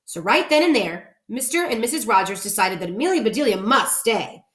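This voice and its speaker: Expressive woman reading a storybook aloud, roomy. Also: fairly high pitch, fairly quick. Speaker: elementary school teacher reading aloud. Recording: roomy indoor echo.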